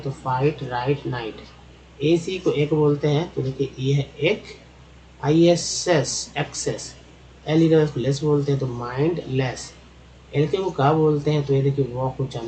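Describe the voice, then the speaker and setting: A man's voice: a little high, dark tone, slight background noise, low-quality recording. A man teaches English spelling and pronunciation from slides, drilling each sound several times and calling his viewers friends.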